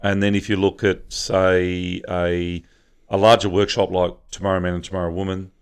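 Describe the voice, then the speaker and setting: A man explaining where charity funds go in a casual podcast chat, halting with frequent ums and restarts. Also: low-pitched, flat delivery, clear, resonant tone. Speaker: charity representative.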